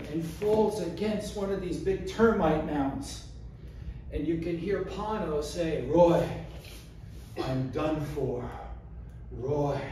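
A man giving an animated storytelling speech, acting out the scenes as he talks in a community hall. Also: sits high, a little hiss or hum. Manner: animated, acts out scenes with gestures. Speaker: public speaker. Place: community hall, indoors, large room. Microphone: far camera, no mic. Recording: echoey hall from far off.

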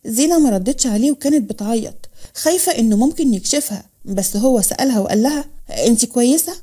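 A woman with an Egyptian accent narrating a dramatic story in a brisk reading. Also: on the high side, expressive, warm tone.

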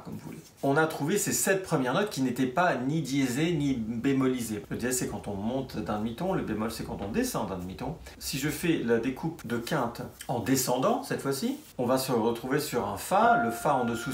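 A man's voice: mid-range voice, roomy sound. A man giving a music theory lesson as a piano teacher, explaining step by step and asking and answering his own questions. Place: room with a piano.

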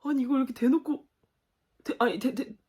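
A woman's voice: high voice, a little fast, breathy edge. A young woman reacting to a dating show episode, exclaiming and laughing as she talks to her viewers. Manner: animated, exclaiming and laughing at the screen. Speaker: reaction video host. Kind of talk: casual reaction commentary.

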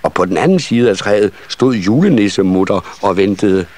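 A man narrating a Danish children's Christmas story in an expressive storybook manner. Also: lowish voice. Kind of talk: storybook reading.

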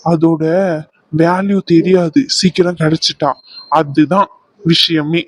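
A woman's voice: low-pitched, steady tone, takes it slowly, no echo, poor audio. A woman voicing a young man, an anxious but tender fiancé who soothes and teases his bride-to-be in a dubbed scene. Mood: tender, teasing. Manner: soothing, teasing, pleading. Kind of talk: fan dub of a serial scene.

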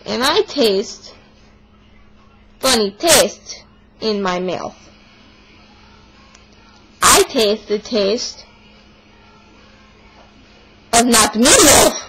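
A woman's voice: fairly high pitch, lively intonation, drawn-out words, pauses often, full character voice. A young woman performing a comic monologue as a stubborn young Russian woman, with a put-on Russian accent and broken English. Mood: indignant. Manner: broken English, dropped articles, exaggerated complaining. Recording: noisy home video recording.

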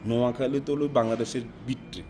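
Fast-talking man with Noakhali Bengali accent. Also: mid-range voice, fairly even intonation, noisy background. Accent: Noakhali Bengali dialect, non-native. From South Africa. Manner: rambling, keeps asking "right?". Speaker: interviewee. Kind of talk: casual interview answers.

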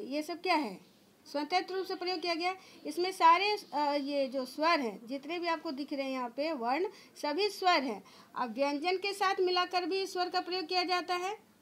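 A woman's voice: very high-pitched, fairly bright tone. A woman school teacher giving an online grammar lesson to children, patiently explaining step by step and answering her own questions. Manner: drawn-out demonstration sounds.

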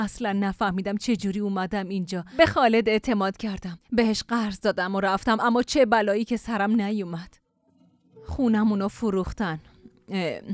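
A woman voicing a worried middle-aged mother in a dubbed drama, speaking in a hesitant, halting way. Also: medium pitch, dry recording, lightly acted. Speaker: dub actor. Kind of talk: Persian drama dubbing.

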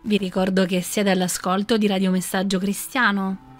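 Conduttrice radiofonica che racconta una storia. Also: female voice, mid-range voice, level tone, moderate pace, over music. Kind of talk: storytelling narration.

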